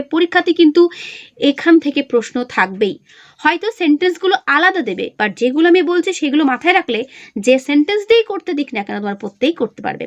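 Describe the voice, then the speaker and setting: High-voiced Bengali woman teaching. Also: no room sound, highs cut off. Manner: explains step by step, asks the class questions and answers them herself; reads example sentences slowly. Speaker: English teacher. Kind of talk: exam revision lesson.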